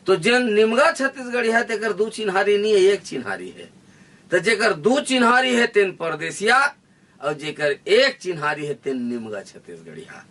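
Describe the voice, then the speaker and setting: Fiery high-voiced Chhattisgarhi man. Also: big pitch swings, moderate pace, far from the mic. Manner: forceful, declaiming, repetitive rallying lines. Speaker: interviewee, activist leader. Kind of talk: fiery political speech.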